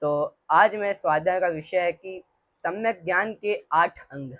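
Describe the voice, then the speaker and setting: A woman's voice: on the low side, a little slow, no room sound. A woman giving a religious study lesson to a group, hesitant, with many fillers and restarts. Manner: leads the group in call-and-response repetition. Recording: dull muffled dry recording.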